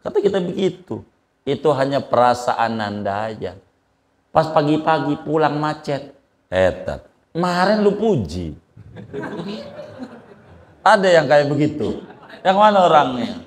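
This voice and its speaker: Man, Islamic preacher, casual joking lecture, lively swooping voice. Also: fairly high pitch, moderate pace. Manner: chatty, joking, acts out dialogues.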